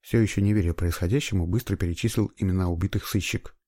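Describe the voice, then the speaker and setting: A man narrating a novel as an audiobook, in steady, expressive storytelling. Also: low voice, fast talker. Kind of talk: scripted narration.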